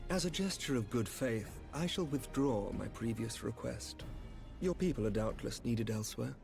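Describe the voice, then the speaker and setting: An actor playing a courtly, measured knight commander in a fantasy game, with a smooth, snake-like voice. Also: male voice, mid-range voice, expressive, music in the background. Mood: courteous, measured. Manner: formal, deliberate, diplomatic. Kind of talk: fantasy video game acting.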